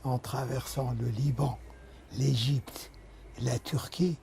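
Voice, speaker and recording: Slow, low-toned male bookshop host. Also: fairly even intonation, creaky, darkish tone, a little hiss or hum. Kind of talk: introducing a guest speaker. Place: bookshop event.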